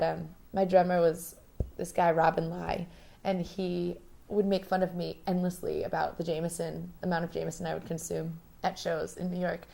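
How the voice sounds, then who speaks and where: A woman's voice: fairly low pitch, gravelly. A young woman from Rhode Island, a singer-songwriter, chatting casually and laughing through stories in a living room. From Rhode Island, United States. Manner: chatty, laughing, relaxed storytelling. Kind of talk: casual interview.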